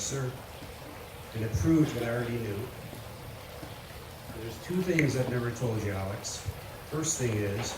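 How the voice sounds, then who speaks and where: A middle-aged man, the father of the bride, giving a wedding speech as a folksy, joking storyteller. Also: mid-range voice. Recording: echoey hall, distant mic, loud noise.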